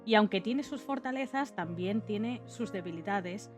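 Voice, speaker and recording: A woman's voice: medium pitch, a little slow. A woman with an accent from Spain giving casual video essay commentary in an informal, chatty manner. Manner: informal and chatty, with conversational tag questions. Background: background music.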